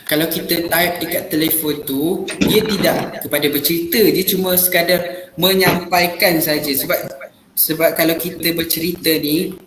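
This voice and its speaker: Patient teacher explaining. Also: male voice, a little high, fairly even intonation, normal speed, echoey room, noisy background. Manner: patient, explaining with many "ah" fillers. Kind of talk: classroom role-play lesson.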